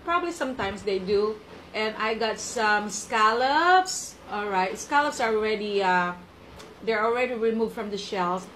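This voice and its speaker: A woman's voice: medium pitch, measured pace, a bit bright, a little hiss or hum, poor audio. Chatty Filipino woman vlogging a mukbang. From Philippines. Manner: chatty, mixes English and Tagalog, laughs often. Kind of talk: casual mukbang vlog. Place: home.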